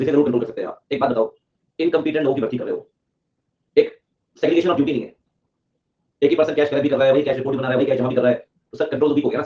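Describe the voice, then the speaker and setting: A man teaching exam students in a live online class, mixing Hindi and English, joking with the class and repeating key points. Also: on the high side. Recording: dull lo-fi audio.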